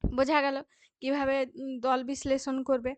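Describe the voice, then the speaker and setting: A woman teaching a grammar lesson to school students, explaining patiently and sounding words out slowly, syllable by syllable. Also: high-pitched, completely flat delivery, dry recording. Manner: frequent checking fillers to students.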